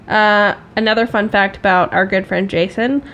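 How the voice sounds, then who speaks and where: A woman's voice: mid-range voice, fairly even intonation, normal speed, a bit bright, highs cut off. A woman co-hosting a podcast, chatting casually, laughing often and poking fun at herself. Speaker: podcast co-host.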